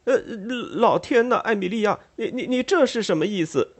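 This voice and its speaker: A man reading an audiobook, voicing a plump, bashful young dandy who stammers in a high, flustered voice. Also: lively intonation, moderate pace.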